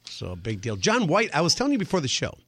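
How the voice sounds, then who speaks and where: A man's voice: fairly high pitch, wildly swooping pitch, fast talker, fairly bright tone, no room sound. A man co-hosting a radio talk show, teasing his guests and laughing easily as he introduces them. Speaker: radio co-host. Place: radio studio. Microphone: studio microphone.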